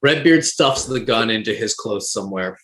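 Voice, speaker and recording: A man's voice: lowish voice, animated, normal speed, a bit bright. A man talking casually as a player in a tabletop role-playing game. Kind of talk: casual chat.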